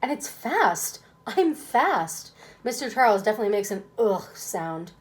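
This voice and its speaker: A woman's voice: mid-range voice, sing-song, a little slow. A woman reading a children's novel aloud expressively, as first-person narration. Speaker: reader.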